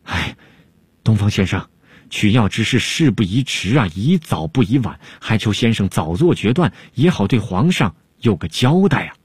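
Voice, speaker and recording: A man voicing an anxious, timid male court alchemist, fretful and pleading, his voice jumping high in alarm. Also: big pitch swings, normal speed, slightly rough, no echo, full character voice.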